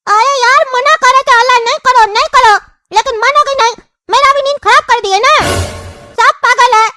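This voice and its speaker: A woman's voice: extremely high pitch, normal speed, pushed and bright, dry recording, clean studio sound. A woman voicing a timid, cranky younger brother in a cartoon, complaining. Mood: whiny. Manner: whiny, complaining. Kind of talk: cartoon dubbing.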